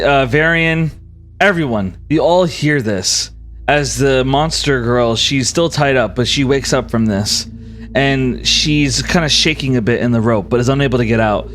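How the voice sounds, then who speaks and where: Male game master, medium pitch, improvised tabletop narration, faint music behind. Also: a bit bright.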